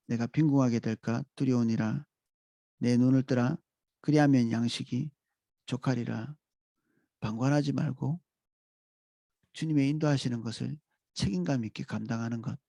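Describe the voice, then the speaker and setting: A man preaching a dawn sermon as pastor, in a calm, reflective way with pauses. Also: medium pitch, gravelly, no echo.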